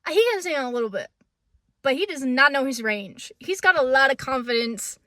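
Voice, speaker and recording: A woman's voice: sits high, animated, moderate pace, sharp tone, no echo. A young woman giving casual commentary as a video essayist, chatty and sarcastic.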